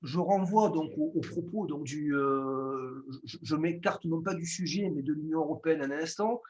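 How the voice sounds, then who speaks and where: A man's voice: fairly high pitch, normal speed, darkish tone, lo-fi sound. Man with a Marseille accent, lecturing. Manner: formal, hesitant, frequent "euh" fillers and restarts. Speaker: lawyer giving a conference talk. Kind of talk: formal lecture.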